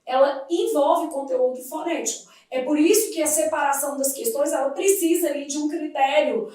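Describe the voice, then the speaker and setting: A woman teaching a grammar lesson, explaining each point step by step and asking the class quick questions. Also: high voice, darkish tone. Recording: echoey room, far from the mic.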